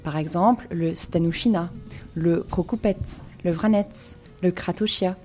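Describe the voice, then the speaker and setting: Woman doing a wine spot on radio, lowish mellow voice, lots of um's. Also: fairly even intonation, a little slow, soft background music. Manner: informative, many hesitations with euh. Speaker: wine columnist. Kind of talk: radio wine segment, partly read.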